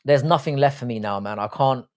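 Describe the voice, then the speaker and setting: With a fairly quick pace and middling pitch, a British livestream host in his early forties answers the chat as it rolls in. He's casual, blunt, crude and jokey, leaning on everyday slang.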